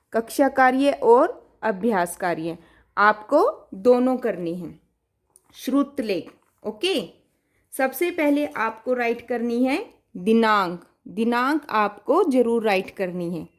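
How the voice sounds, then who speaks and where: Slow, patient high-voiced woman teacher. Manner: patient, mixes English words into Hindi, drags out dictation words syllable by syllable. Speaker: primary school Hindi teacher. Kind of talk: online class for young children.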